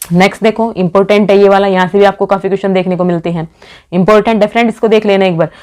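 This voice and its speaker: A woman's voice: medium pitch, steady tone, racing, a little mellow. A woman teaching an exam-prep phonetics lesson. She calls her students friends, asks questions and answers them herself, and reads out example words one by one.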